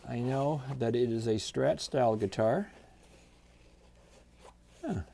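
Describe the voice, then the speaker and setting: A man hosting a guitar channel, chatting in a relaxed, folksy way while unboxing a new guitar. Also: mid-range voice, takes it slowly, gravelly, slight background noise. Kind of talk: casual unboxing vlog.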